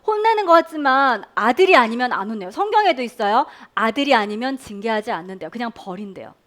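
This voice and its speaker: A woman's voice: a little high, fast talker. A woman preaching a Sunday school sermon to children, quizzing them and leading them in repeating phrases. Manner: animated, questioning children and leading call-and-response. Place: church Sunday school room.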